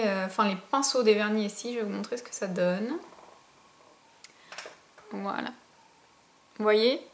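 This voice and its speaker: Young woman, beauty vlogger, chatty and upbeat, fairly high voice, echoey room. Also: slight background noise. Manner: chatty, enthusiastic, many fillers. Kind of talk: casual haul chat to camera.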